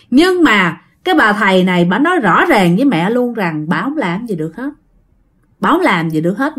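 A woman telling a ghost story in a chatty way, often addressing her listeners directly. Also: medium pitch. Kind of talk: casual ghost-story narration.

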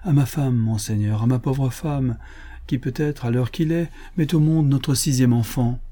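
A man's voice: mid-range voice, a little slow, dark tone, voice pushed up, close to an everyday voice. A man reading an audiobook, voicing a humble, grieving forest keeper who speaks with deference and emotion. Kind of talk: audiobook character voice.

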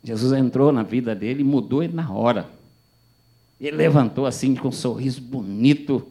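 A male pastor, giving a sermon testimony as animated storytelling with acted dialogue. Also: medium pitch, moderate pace.

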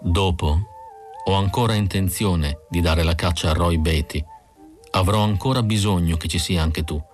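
A man's voice: low-pitched, moderate pace, faint music behind, natural voice. A man reading the part of a tired, conflicted adult male bounty hunter in an audiobook, in his plain voice. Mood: steady.

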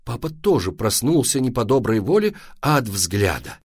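A man narrating a children's story in an expressive, lively reading style. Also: medium pitch, moderate pace, slightly rough, no echo, studio quality.

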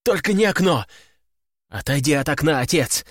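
A man's voice: a little high, expressive, moderate pace, fairly bright tone, dry recording, studio quality. A man voicing a panicked young son of a crime boss, screaming and pleading frantically. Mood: hysterical pleading. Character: panicked young male gangster's son, hysterical.

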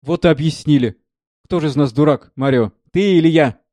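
A man's voice: on the high side, moderate pace, warm tone, no room sound, close to an everyday voice. A man voicing a simple, puzzled servant. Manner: naive questioning.

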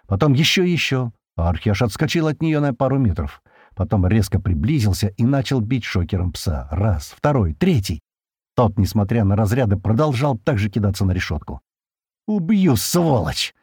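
A man's voice: on the low side, a little mellow, breathy edge, no room sound, studio quality. A man narrating a first-person audiobook in a colloquial, slangy way.

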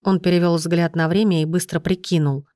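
Dry, measured woman narrator. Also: on the low side, fairly even intonation, warm tone, no room sound. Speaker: audiobook narrator. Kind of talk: scripted narration.

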